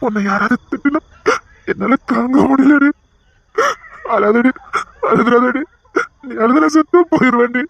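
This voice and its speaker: Guy doing a soft pleading husband, highish voice, dry close sound. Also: normal speed, no room sound, dull audio. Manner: tender, pleading consoling. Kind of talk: dubbed serial drama with one voice doing many roles.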